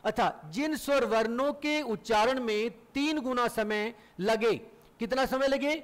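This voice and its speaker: A man's voice: extremely high pitch, measured pace. A middle-aged male Hindi teacher giving a classroom lecture, asking the class questions and answering them himself, and stretching vowels to demonstrate.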